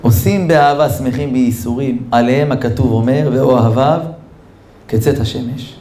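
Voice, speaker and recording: A man voicing a calm, gentle male yeshiva scholar who speaks solemnly and quotes scripture. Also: mid-range voice, reverberant, natural voice.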